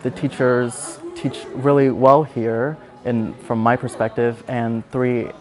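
A man's voice: medium pitch, flat delivery, slow, faint music behind. A young man from the United States, a student giving short matter-of-fact interview answers indoors. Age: young adult. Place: indoors in a building with large windows.

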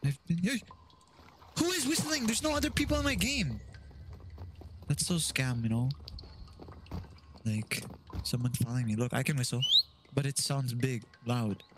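A man's voice: mid-range voice, animated, normal speed, long pauses, a little hiss or hum. A man live-streaming a horror game, yelping at scares, laughing, and chatting to his viewers, a little out of breath. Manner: jumpy, yelps and laughs at scares, chats to viewers. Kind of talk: casual live-stream gaming chat.

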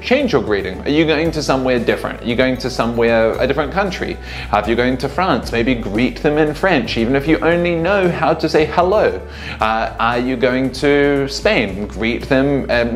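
A man in his thirties giving an upbeat sales training lesson to camera, acting out sample greetings, recorded on a lapel mic in a small living room. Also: mid-range voice. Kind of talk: instructional talk to camera.

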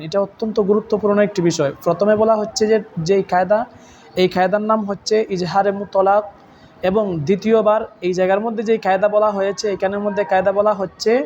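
A man teaching Quran recitation in a slow, step-by-step lesson, spelling Arabic letters syllable by syllable and repeating points for learners. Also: sits high, darkish tone, slight background noise.

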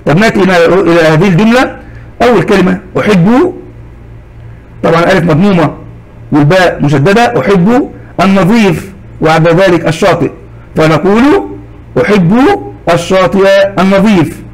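A man teaching a recorded lesson to young children, slow and patient, saying each example word twice. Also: high voice, poor audio.

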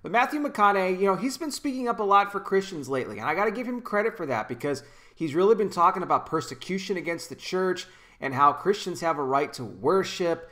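Thirties male vlogger, slightly raised pitch, earnest casual commentary, desk mic in a small home room. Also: lively intonation, fast talker, fairly bright tone. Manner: earnest, talks with hand gestures, frequent restarts. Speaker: commentary channel host. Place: small indoor room with kitchen behind. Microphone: desk microphone in front of him.

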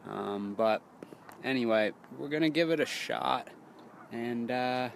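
A man's voice: mid-range voice, slow, creaky, slight background noise. A young man talking casually to an action camera outdoors by the water, rambling and hesitant with many ums. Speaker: fishing vlogger. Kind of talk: casual vlog narration. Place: outdoors by a lake and in a boat. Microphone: action camera at arm's length.

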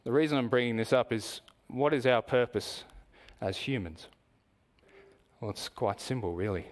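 The preacher, an Australian-accented man, addresses his congregation with questions while explaining his points carefully in a church setting. He has a mid-range, expressive voice.

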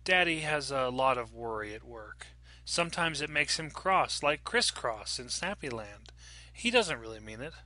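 A man doing a soft, anxious young mother. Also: mid-range voice, lively intonation, normal speed, no echo. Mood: soothing.

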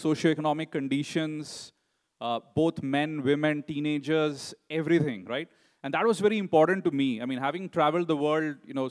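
A middle-aged man giving a conference talk in a conversational way, often tagging sentences with "right?" and filling pauses with "you know". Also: a little high. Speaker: conference speaker.

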